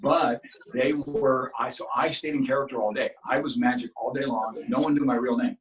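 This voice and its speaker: Here a middle-aged actor from Cuba, a native Spanish speaker, tells stories earnestly during a relaxed interview, in long runs marked by many restarts. His medium-pitched voice holds a steady tone at normal speed over a rough recording.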